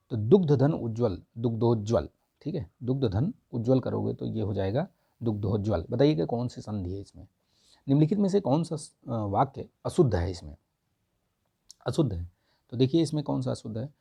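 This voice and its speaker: A man's voice: mid-range voice, gravelly, dark tone, husky. A male teacher walking through quiz answers in an exam-prep grammar lesson, repeating key words and checking in with his students after each point.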